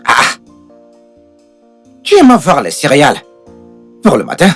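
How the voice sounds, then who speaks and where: A woman's voice: low-pitched, huge pitch swings, a little slow, husky, faint music behind, heavily acted. A woman playing a brash, stubborn, bumbling village helper in a dubbed film drama, rambling and insistent with many interjections. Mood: insistent, coaxing.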